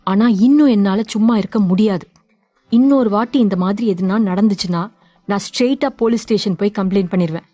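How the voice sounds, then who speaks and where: A woman voicing a defiant young daughter in a story, with a sharp, scolding way of talking. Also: mid-range voice, brisk, close to an everyday voice. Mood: furious. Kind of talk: audio drama reading.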